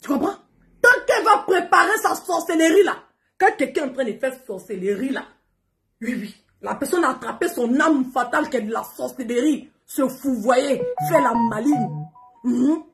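A woman's voice: high voice, lively intonation, moderate pace, a bit bright, faint music behind. A woman, talking straight to her followers in a scolding, confrontational rant and often repeating herself. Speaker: social media personality. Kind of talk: angry direct-to-camera rant.

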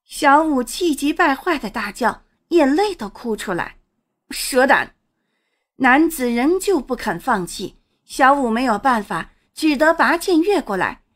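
A woman narrating a serialized fantasy novel in a lively storytelling manner. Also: moderate pace, hardly any pauses. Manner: lively storytelling, swings pitch with the action. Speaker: audiobook narrator.

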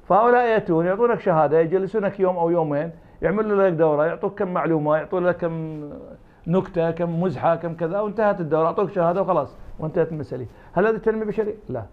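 Man, Iraqi Arabic accent, interview guest, very rapid argumentative delivery, dull lo-fi sound. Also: sits high. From Iraq. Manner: argumentative, uses imagined dialogues. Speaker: academic guest. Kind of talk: interview answers.

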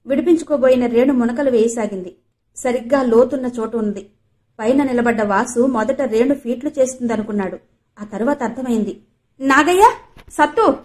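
A woman from Andhra Pradesh narrating a novel in steady storytelling. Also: on the high side. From Andhra Pradesh, India. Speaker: audiobook narrator. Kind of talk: novel reading.

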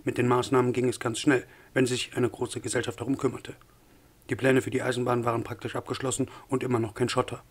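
A man reading an audiobook in a measured, even narration with a husky voice. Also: medium pitch. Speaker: audiobook reader.

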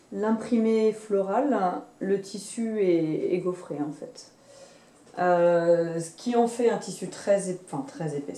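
A woman's voice: fairly low pitch, warm tone. Woman chatting about fabrics, roomy and distant. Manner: hesitant, many fillers and restarts. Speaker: sewing vlogger. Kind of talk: casual chat showing fabric purchases. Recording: roomy sound, away from the mic.

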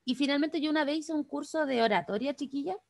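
A woman with a Chilean accent, teaching an online class over a video call, talking quickly and chattily straight to the participants. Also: sits high, creaky, no echo. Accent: Chilean Spanish. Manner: fast, chatty, addresses participants directly. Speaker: workshop instructor.

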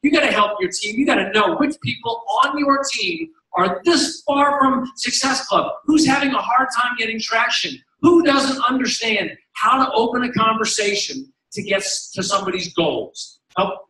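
A man's voice: high-pitched, bright, forceful tone. A middle-aged man giving an emphatic motivational stage speech to coaches, repeating his slogan and acting out voices in his stories. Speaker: company executive addressing coaches. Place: large hall, on stage. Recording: echoey hall, voice from far off.

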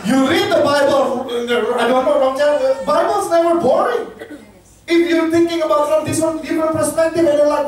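A man preaching to a congregation with a very high, animated voice, lively and conversational, often putting questions to the room. He is heard from some distance in a strongly echoing church hall. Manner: animated, asks the congregation questions and leads group reading. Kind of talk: sermon mixing Indonesian and English. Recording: echoey hall, mic at a distance.

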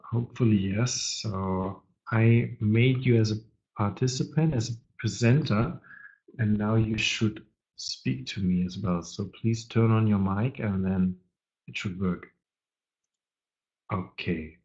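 A man's voice: on the low side, darkish tone. Man with a cold, presenting a webinar. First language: not English. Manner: halting, searching for words. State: has a cold. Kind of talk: live trading webinar. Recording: dull lo-fi webinar audio.

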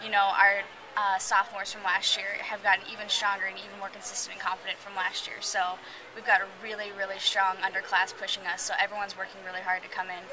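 A woman's voice: mid-range voice, monotone, quick pace, low-quality recording. A young woman in her early twenties, a senior college gymnast, answering interview questions in an eager, upbeat way inside a large gym, filmed close to the camera. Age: early 20s. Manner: upbeat, eager, repeats "really". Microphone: camera close to face. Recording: gym chatter in background.

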